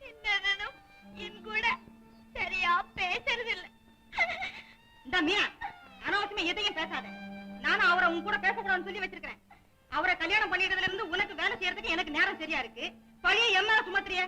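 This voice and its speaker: An actress playing a discontented, sharp-tongued young wife in a 1950s film drama, complaining bitterly and sarcastically. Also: female voice, very high-pitched, moderate pace, pauses often, over music, poor audio. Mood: scolding.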